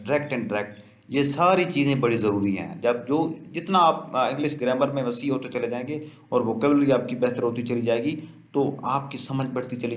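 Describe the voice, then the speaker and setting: A man teaches English in a YouTube lecture, going over each phrase twice at an unhurried pace. His voice sits at an ordinary pitch. It rings in an echoey room. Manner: explains slowly, repeating each phrase.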